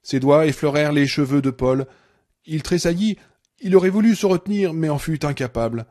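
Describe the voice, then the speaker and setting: Brief: a male audiobook narrator, fairly high voice, mellow and dramatic. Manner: measured, dramatic, darkening on tense passages.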